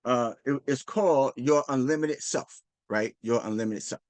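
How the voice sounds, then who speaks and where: A man talks earnestly in a casual, motivational way. He rambles and restarts his sentences, acting out bits of dialogue in a middle-pitched voice. The recording is dry and close, with no room sound. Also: moderate pace, dry recording. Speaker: host.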